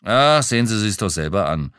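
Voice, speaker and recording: A sullen fat office boss grumbles offhandedly, as a man reading the story puts him on. The voice sits far above the reader's low natural pitch. It is recorded dry and close. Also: expressive, moderate pace, fairly bright tone, smooth, dry recording, close to an everyday voice. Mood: grumbling offhand.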